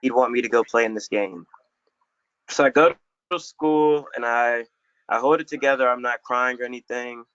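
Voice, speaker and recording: A man's voice: medium pitch, fairly even intonation, moderate pace, a bit bright, clean tone, dry recording. A young man from Florida telling a personal story on a community panel in a reflective, casual way with some slang. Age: young adult. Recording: dull lo-fi dry recording.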